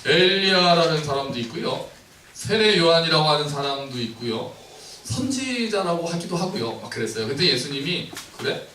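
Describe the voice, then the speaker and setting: A man's voice: on the high side, animated, moderate pace, sharp tone. A male pastor preaching a playful sermon that asks the congregation questions and acts out the scripture scenes. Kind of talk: lively sermon to a congregation with children. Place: church sanctuary. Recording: roomy church hall, mic at distance, faint noise.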